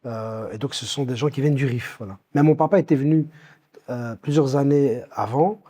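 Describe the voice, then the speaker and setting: Hesitant Belgian-born man, mellow voice. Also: medium pitch, normal speed. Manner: hesitant, many fillers and restarts. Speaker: guest. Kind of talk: personal interview storytelling.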